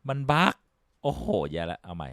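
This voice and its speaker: A man hosting a let's play, talking excitedly and swearing while fighting a game glitch. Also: brisk, background noise. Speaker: gaming channel host.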